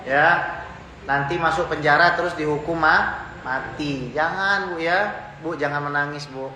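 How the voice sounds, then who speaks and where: A male preacher with a bright, somewhat high voice speaks in a casual, teasing style as he tells stories to a live audience. The talk is recorded live in an echoey hall, with faint noise underneath. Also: a little slow. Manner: conversational, teasing, storytelling, addresses women in audience.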